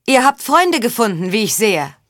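A woman's voice: a little high, sing-song, moderate pace, fairly bright tone, no room sound, clean studio sound, pitched above the performer's own voice. A woman reading the part of a resolute young female leader in an audiobook, speaking firmly.

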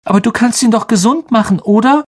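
A man's voice: extremely high pitch, a little fast, voice pushed up. Colin, a man doing an eager little boy. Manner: breathless, eager questioning. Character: eager, excitable young boy fan.

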